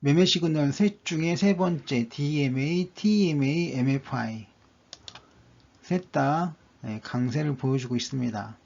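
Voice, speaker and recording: A man's voice: a little high, a little slow, gravelly, a little mellow. A man narrating a stock chart analysis, going methodically through each indicator one by one, on a dull lo-fi recording.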